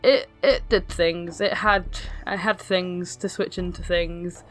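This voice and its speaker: A woman with a hoarse, sick-sounding smoker's rasp, giving casual, sarcastic, sweary game commentary. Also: lowish voice, fairly even intonation, slow. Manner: sarcastic, self-deprecating, sweary. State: ill, hoarse. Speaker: video host narrating own battle. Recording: music behind the voice. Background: music.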